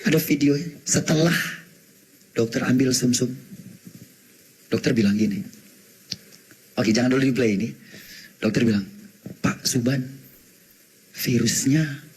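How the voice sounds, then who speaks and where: Seorang pria membagikan kesaksian pribadi dengan penuh emosi, menirukan percakapan dan kadang berteriak gembira, sesekali menyelipkan kata bahasa Inggris. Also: male voice, medium pitch, a little slow, long pauses, slightly rough. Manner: animated storyteller, acts out dialogue, shouts in excitement; mixes in English words. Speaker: testimony speaker. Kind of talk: emotional personal testimony.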